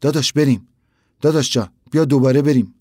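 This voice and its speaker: A man's voice: mid-range voice, warm tone, husky, no echo, studio quality, lightly acted. Man voicing a stubborn downcast boy. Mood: eager. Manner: sulky, tearful.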